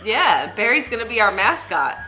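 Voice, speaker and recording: A young woman making casual prank calls indoors, explaining herself in a deadpan, rambling way. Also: medium pitch, normal speed, faint music behind, low-quality recording. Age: young adult. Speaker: prank caller and show host. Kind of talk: casual prank phone call and chat. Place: small indoor room, seated at a table.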